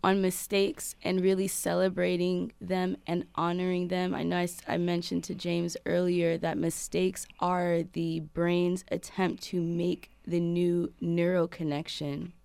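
Woman teacher, low gravelly voice, earnest and reflective, dry close sound. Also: little pitch movement, measured pace, few pauses, darkish tone, no echo. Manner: earnest, reflective, speaks in lists of values. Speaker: teacher guest. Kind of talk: casual conversation.

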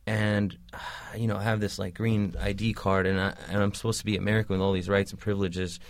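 A young man, a podcast guest, talking haltingly in a casual discussion with many restarts and fillers. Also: on the low side, level tone, no echo. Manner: hesitant, restarting, lots of "like".

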